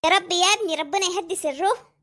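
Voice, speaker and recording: Cartoon mom, Egyptian accent, high voice, quick teasing talk, music underneath. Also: female voice, pushed and bright. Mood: gossipy. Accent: Egyptian Arabic. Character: gossipy Egyptian cartoon mother, middle-aged.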